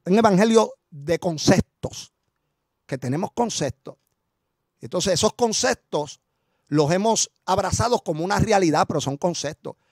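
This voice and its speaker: A middle-aged Puerto Rican pastor preaching an animated, story-filled sermon to his congregation. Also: sits high, no echo, clean studio sound.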